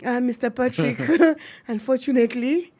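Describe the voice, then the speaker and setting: A woman's voice: on the high side, fairly even intonation, moderate pace, warm tone. A young adult woman co-hosting a podcast in casual chat, often laughing as she tells a story. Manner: laughs often while telling stories. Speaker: podcast co-host.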